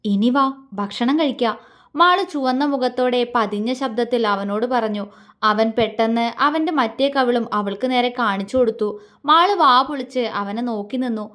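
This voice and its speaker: A woman storyteller reading a scripted romance audio story in an even, calm storybook way. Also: fairly high pitch, normal speed.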